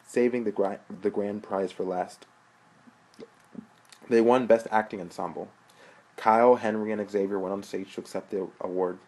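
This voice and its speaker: A man narrating a story aloud in a steady, plain way. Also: fairly low pitch, rough recording. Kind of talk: audiobook narration.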